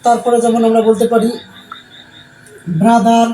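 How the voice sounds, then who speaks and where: A man's voice: very high-pitched, monotone, normal speed, dark tone. Man, teacher, repetitive question-and-answer style, echoey room, faint noise. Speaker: English teacher. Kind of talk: classroom lesson. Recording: roomy sound with faint background noise.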